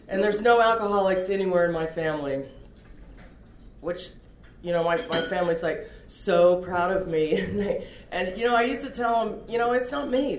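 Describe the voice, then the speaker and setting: A middle-aged woman from Oklahoma, USA, speaks at a recovery meeting, offering a frank, self-deprecating account of her own life. Her voice sits in the mid-range, with a little hiss or hum on a recording made in a roomy, echoey space.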